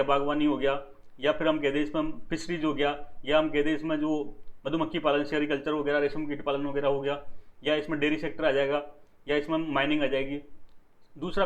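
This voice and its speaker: A man teaching an economics class in a slightly high voice. He poses questions to his listeners and answers them himself, and he repeats the key terms. He mixes English words into his explanations. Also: dull audio. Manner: addresses listeners as "dosto". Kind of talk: lecture.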